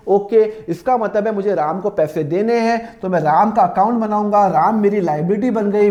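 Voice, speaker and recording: A man teaching accounting in a lesson. He asks students' questions himself and answers them, and he draws out the entry names slowly. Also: high voice, mellow, reverberant. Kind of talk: classroom-style lesson with self-posed student questions.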